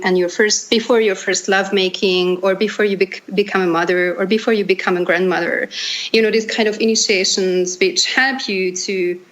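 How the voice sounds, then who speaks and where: A Hungarian woman in her thirties, not a native English speaker, tells her story as a guest in a casual interview. She speaks earnestly and haltingly with a Hungarian accent, often restarting her sentences. Her voice is medium in pitch, and the high frequencies are cut off.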